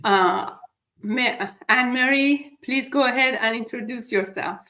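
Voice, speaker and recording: Hosting a live chat, a middle-aged woman from Iran talks slowly and hesitantly, filling gaps with many fillers. Her voice is a little high, pushed, and bright.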